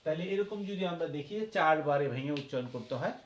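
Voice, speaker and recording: A male teacher gives a slow, careful lesson at a board and spells words out one letter at a time. His voice sits a little higher than most men's. The room around him rings with a clear echo. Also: lively intonation, a little hiss or hum. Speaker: English grammar teacher. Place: classroom.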